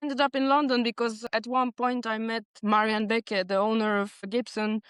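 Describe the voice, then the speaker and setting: A woman's voice: a little high, flat delivery, moderate pace, a bit bright, smooth, dry recording. Earnest woman from Transylvania, Hungarian native. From Transylvania, Romania. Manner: earnest, reflective, non-native phrasing. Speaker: podcast guest, bar consultant. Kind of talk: casual interview chat.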